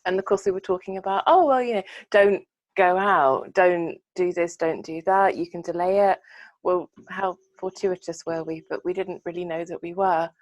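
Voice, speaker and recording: An earnest woman with a lowish voice, reflecting on a podcast in long, thoughtful runs. The recording is dry and close. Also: steady tone, moderate pace, no echo, highs cut off. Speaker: podcast co-host. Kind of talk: casual chat on a video call.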